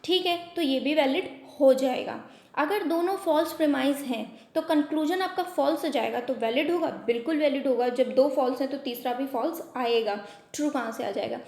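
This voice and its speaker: A woman coaching-class teacher explaining exam questions at a whiteboard. She reads English statements out slowly and then explains them in Hindi. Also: high voice, darkish tone. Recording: echoey room.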